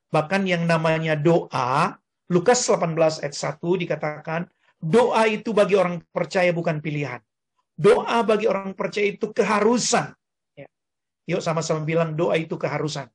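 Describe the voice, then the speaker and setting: An older man, a grandfather, preaching a lively sermon on a video call and having listeners repeat after him. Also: on the high side, moderate pace, pauses often, husky. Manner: animated, calls congregation to repeat words. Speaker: pastor.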